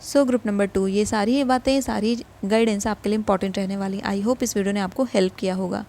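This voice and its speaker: A woman giving a tarot reading to viewers in a gentle advising way, mixing English words into her talk. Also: medium pitch, fairly even intonation, a little fast, slight background noise. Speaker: tarot reader.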